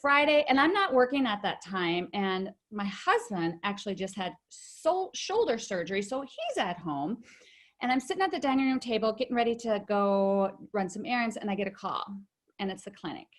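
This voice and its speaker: A woman's voice: medium pitch, expressive, moderate pace. A middle-aged woman, a guest in an interview, telling a personal story in a chatty way with many fillers and restarts.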